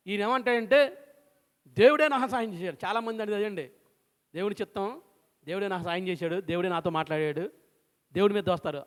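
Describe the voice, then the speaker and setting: A man's voice: sits high, in a large hall. A man preaching a sermon, retelling a scripture story with acted voices and rhetorical questions. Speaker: pastor.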